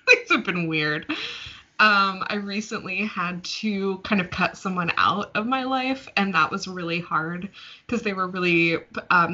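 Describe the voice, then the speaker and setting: A woman's voice: medium pitch, sharp tone. Chatty young woman on a lo-fi call. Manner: chatty, laughs often, many fillers. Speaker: podcast co-host. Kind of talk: casual chat. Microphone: recorded over video call. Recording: dull lo-fi call audio.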